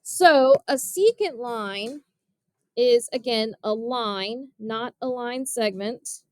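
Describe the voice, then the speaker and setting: A woman's voice: a little high, slow pace, darkish tone, dry recording. A young woman math teacher giving a classroom geometry lesson, explaining step by step and often asking her students questions.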